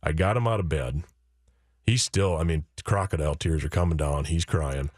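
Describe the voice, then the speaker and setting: A man with a low voice tells a story from his family life in an earnest way. He acts out his own words and his kids' words, often restarting his sentences. The sound is dry and close, as if on a studio microphone. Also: moderate pace, dry recording. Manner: earnest, quotes himself and his kids, many restarts. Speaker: author and guest. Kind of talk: personal storytelling in a conversation. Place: radio studio.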